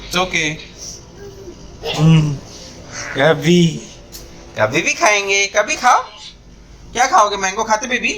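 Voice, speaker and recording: A man's voice: sits high, slow pace, long pauses, pushed and bright, slight background noise. An Indian man filming a family birthday at home, coaxing and teasing a toddler in a playful, repetitive way. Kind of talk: casual family home video.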